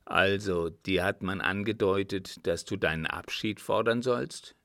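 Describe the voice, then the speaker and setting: Man voicing a gruff blustering old field marshal. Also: lowish voice, measured pace, no room sound, clean studio sound. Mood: gruffly tender. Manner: loud blunt outbursts and oaths.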